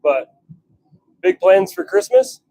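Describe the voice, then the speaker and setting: A hobby blacksmith livestreams from his home forge workshop, chatting informally while he works, half to himself and half to his viewers. His high voice swoops wildly in pitch, carries vocal fry, and moves slowly, with background noise in the mix.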